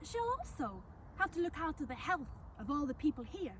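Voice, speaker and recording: A woman's voice: high-pitched, sing-song, moderate pace, recorded from a distance, slight background noise. A woman playing a chatty, folksy servant of centuries past, telling visitors a tale in an Ulster Scots accent. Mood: gossipy, earnest. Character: chatty, welcoming servant woman of a 17th-century Irish estate. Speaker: costumed storyteller. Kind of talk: in-character historical storytelling to visitors. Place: outdoors in front of a house.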